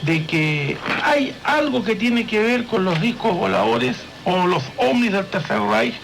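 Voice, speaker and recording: A man being interviewed as a guest on a radio show, explaining things in a measured way. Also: high-pitched, expressive, creaky, background noise. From Chile.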